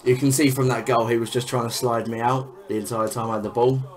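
A man's voice: mid-range voice, flat delivery, a little fast. A young man giving casual, frustrated gameplay commentary, swearing and exclaiming over each goal. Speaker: gaming YouTuber.

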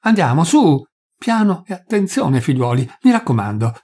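Brisk authoritative doctor, impatient, husky, slightly high voice, man reading. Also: very animated, darkish tone, exaggerated voice. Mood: urgent. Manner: urgent, commanding orders.

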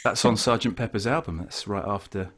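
A man's voice: lowish voice, fairly quick. A man leading a community choir rehearsal over a video call, chatty and self-deprecating. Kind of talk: casual online choir rehearsal talk. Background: guitar playing.

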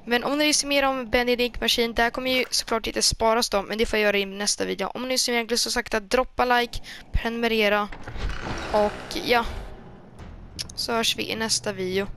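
A woman's voice: a little high, fairly even intonation, fairly bright tone, a little hiss or hum. A woman hosting a gaming channel, giving casual let's play commentary while jumpy and easily scared, talking to the game characters as she plays.

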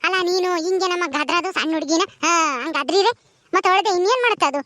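A woman playing an older village woman, gently coaxing a crying child and chiding its mother. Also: very high voice, quick pace, no echo. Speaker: actor in a village drama. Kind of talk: village skit acting.

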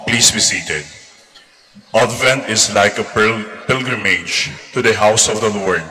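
Brief: Filipino male preacher, deliberate homily delivery, lower pitch, reverberant church. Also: sharp tone. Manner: slow, deliberate explaining. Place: large church.

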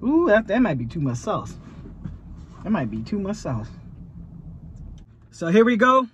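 A man in his thirties with a high, bright voice talks casually to his phone camera. He uses plenty of slang and curses, sitting inside a parked truck. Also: big pitch swings, unhurried, a little hiss or hum. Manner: slangy, swearing freely. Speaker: food challenge vlogger.

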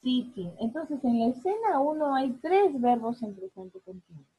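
A woman's voice: high voice, sing-song, moderate pace, husky, no room sound, highs cut off. A woman English teacher giving an online class on a video call, explaining patiently and drawing out her examples.

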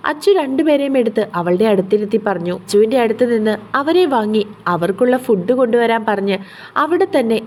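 A Malayali woman narrating a scripted audio love story in a steady storytelling manner. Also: on the high side.

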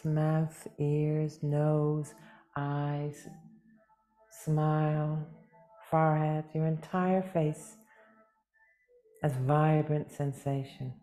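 Soft and calming, a woman with a low-pitched voice leads a guided meditation as a yoga teacher. She takes her time and leaves long pauses.

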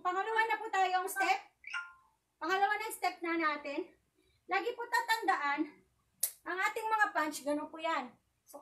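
A woman vlogger teaching a casual self-defense lesson, out of breath, chatty and laughing, with sharp counted shouts. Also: very high-pitched. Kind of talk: casual live tutorial with counted drills. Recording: voice distant from the mic.

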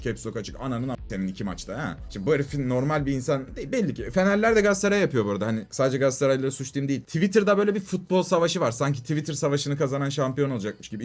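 A young man rants on a casual live stream, his voice a little higher than most men's. He talks very fast, jumping between loud outbursts and low mutters. Faint music plays behind him.

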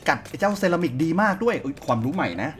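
A man's voice: a little high, lively intonation, rapid-fire, fairly bright tone, faint music behind. A man giving casual let's-play commentary, chatty and thinking aloud as he plays. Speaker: gaming YouTuber.

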